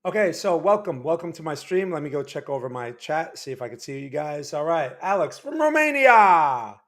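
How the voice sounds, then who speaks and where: A man's slightly high, sing-song, fairly bright voice comes through a desk microphone at normal speed as he casually hosts a market analysis livestream. He chats with viewers, reads their names from the chat and keeps restarting his sentences.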